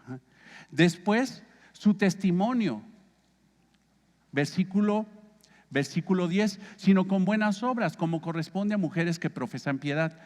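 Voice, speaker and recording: Mexican pastor teaching in an echoing hall. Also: male voice, sits high, animated, unhurried, pauses often, a little mellow. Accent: Mexican Spanish. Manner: conversational, asks the congregation questions. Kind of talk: Bible study teaching.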